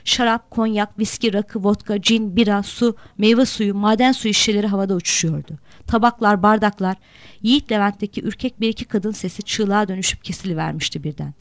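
A woman narrating a novel in a steady, measured reading voice. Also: medium pitch, no room sound. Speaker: audiobook narrator. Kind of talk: storybook narration.

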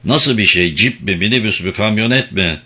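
A man voicing a calm woman police officer who asks steady, firm questions. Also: on the low side, normal speed.

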